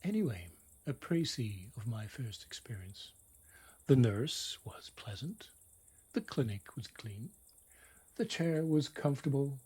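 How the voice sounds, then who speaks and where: With lively intonation and a dark tone, a middle-aged man delivers a scripted bedtime story wryly, dramatically, and deliberately. His husky voice is medium-pitched and frequently falls to a whisper.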